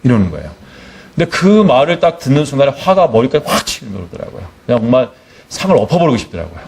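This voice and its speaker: Animated, fast-talking male preacher. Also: medium pitch, vocal fry, breathy edge. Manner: animated storyteller, acts out dialogue. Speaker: missionary preacher. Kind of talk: sermon with storytelling.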